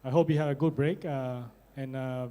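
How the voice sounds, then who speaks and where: A man's voice: mid-range voice, steady tone, normal speed, warm tone, clean tone. A man with a Singaporean accent giving an informal technical presentation at a conference, often checking in with tag questions. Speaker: conference speaker, network engineer presenter. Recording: reverberant conference hall.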